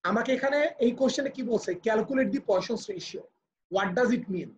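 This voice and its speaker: This physics teacher, a man with a Bangladeshi accent, speaks in a high, unhurried voice during a live online class. He explains patiently, step by step, dropping into English for terms, and the video call audio sounds muffled and lo-fi.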